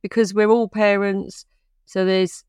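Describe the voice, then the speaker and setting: A woman's voice: medium pitch, flat delivery, a little slow, darkish tone, clear, resonant tone, no room sound, studio quality. A woman who is a parent, speaking as a podcast guest in an easygoing, conversational way with fillers. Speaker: podcast guest, parent running a family cruise group. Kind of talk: casual podcast chat.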